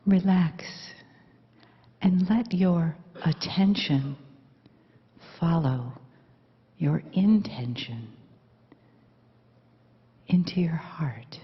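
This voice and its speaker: Slow soft breathy woman guiding meditation, half whispering, big echoey hall. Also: lowish voice. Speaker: meditation leader. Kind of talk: guided meditation. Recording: dull recording in reverberant hall.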